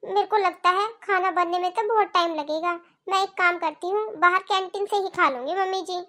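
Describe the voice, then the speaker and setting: A woman's voice: very high-pitched, steady tone, normal speed, pushed and bright. A woman voicing a sweet, clever young daughter-in-law in a cartoon, polite and sly.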